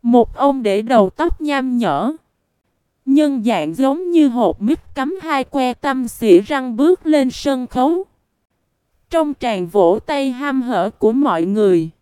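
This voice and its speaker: Slow, high-voiced woman storyteller. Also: lively intonation, mellow, smooth, no room sound. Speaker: narrator. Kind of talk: audiobook storytelling.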